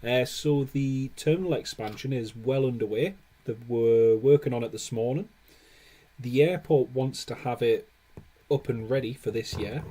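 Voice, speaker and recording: A man's voice: mid-range voice, mellow. A man hosting a live stream with casual, chatty commentary.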